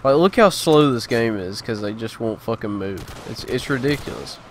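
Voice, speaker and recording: A man's voice: mid-range voice, lively intonation, normal speed, heavy background noise. A man giving profane, frustrated commentary over his own gameplay. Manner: swearing, frustrated, ranting at opponents. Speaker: gaming video creator. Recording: game gunfire loud behind voice. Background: loud gunfire and explosions from the game.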